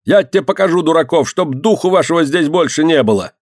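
A man voicing an angry, gruff yard-keeper in a storybook reading, shouting and scolding. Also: on the high side, lively intonation, fast talker, no echo, clean studio sound, pitched above the performer's own voice.

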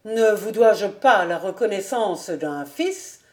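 A woman voicing a fawning male cousin who exclaims with theatrical flattery in an audiobook. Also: medium pitch, slow pace. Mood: declaiming.

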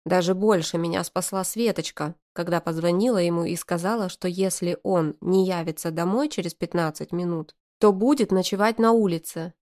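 A woman reading a first-person novel aloud in a lively, sarcastic manner. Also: fairly low pitch, normal speed, hardly any pauses. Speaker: audiobook narrator.

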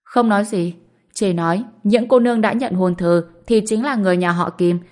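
A woman's voice: medium pitch, normal speed, a little mellow, natural voice. A woman voicing a playful, teasing young wife in an audiobook. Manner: teasing, mischievous. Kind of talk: audiobook character voice.

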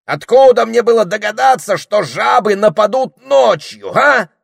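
A man voicing a bossy, hot-tempered and pompous male parrot who blusters and shouts, reading aloud from a storybook. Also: on the high side, big pitch swings, measured pace, creaky, no room sound, clean studio sound, voice pushed up, full character voice. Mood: indignant ranting. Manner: shouting, blustering, self-important.

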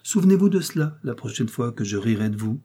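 Proud aristocratic woman read by a man, declamatory, dark husky voice. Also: mid-range voice, big pitch swings, fast. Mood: teasing. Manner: declamatory, emphatic.

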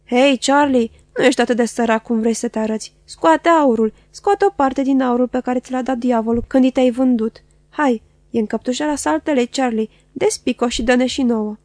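A woman's voice: high-pitched, fairly even intonation, darkish tone, dry recording, studio quality, natural voice. A woman voicing a group of street boys who taunt an old man with mocking calls.

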